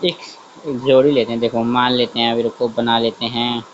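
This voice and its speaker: A man's voice: medium pitch, level tone, moderate pace, highs cut off, slight background noise. A man teaching a class in a chatty way, thinking aloud, often saying okay, and checking that students follow. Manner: chatty, repeats "theek hai" often, thinks aloud while drawing; self-correcting, asks students if they understood. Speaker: science teacher. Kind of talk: online class lesson.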